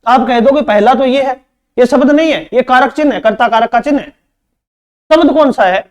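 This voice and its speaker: A man's voice: extremely high pitch, a little fast, darkish tone. A man teaching an exam-prep grammar lesson, repeating each phrase and asking and answering his own questions. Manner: addresses students as "beta".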